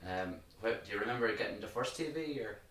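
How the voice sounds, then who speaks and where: A man's voice: lowish voice, animated, quick pace, recorded from a distance. A man interviewing older women, asking friendly questions. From Ireland. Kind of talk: casual interview. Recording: echoey room with loud crowd.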